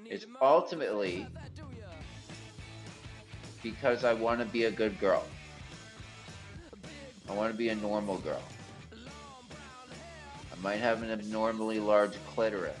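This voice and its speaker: A man with a gravelly smoker's voice giving a candid, theatrical, rambling personal monologue as a host, in a wordy way. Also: on the low side, sing-song, slow pace, long pauses, faint music behind.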